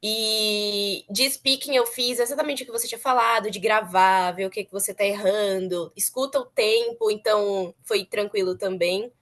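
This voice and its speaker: A woman's voice: medium pitch, fairly even intonation, moderate pace, hardly any pauses, a bit bright. A young woman chatting earnestly as an interviewee, repeating words for emphasis. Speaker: former student interviewee. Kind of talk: casual interview chat.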